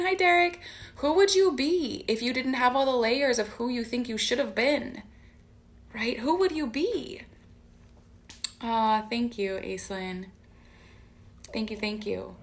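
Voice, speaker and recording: A woman's voice: mid-range voice, a bit bright. A woman hosting a live stream as a coach, giving an impassioned motivational talk and stacking repeated phrases for emphasis. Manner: impassioned, emphatic, keeps checking in with "right?".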